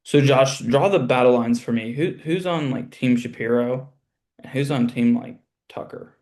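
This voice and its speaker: A man's voice: mid-range voice, normal speed, darkish tone. A young man hosting a casual political podcast, thinking aloud and putting questions to his co-hosts. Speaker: podcast host.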